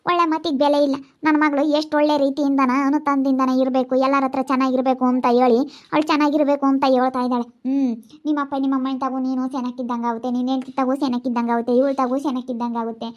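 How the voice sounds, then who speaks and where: A woman playing a shrill scolding mother. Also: level tone, fast talker, close to an everyday voice. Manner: scolding, pleading. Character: worried older mother defending her daughter. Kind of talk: amateur family drama skit.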